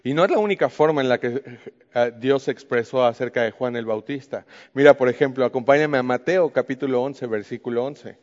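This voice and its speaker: A man's voice: mid-range voice, a little fast. A man with a Mexican accent teaching from the Bible in a conversational way, often asking the listener questions. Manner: talks to the listener with frequent questions. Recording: muffled with long hall reverb.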